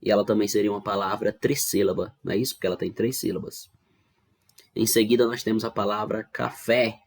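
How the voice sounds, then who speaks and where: A man's voice: on the low side, flat delivery, brisk. A man with a Brazilian Portuguese accent teaching an online grammar lesson, patiently explaining step by step and often checking that students follow. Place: home recording for online class.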